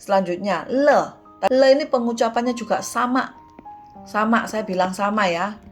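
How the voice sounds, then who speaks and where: A woman's voice: medium pitch, normal speed, faint music behind. A woman with an Indonesian accent teaching Mandarin pronunciation in a casual online lesson, repeating syllables to drill viewers.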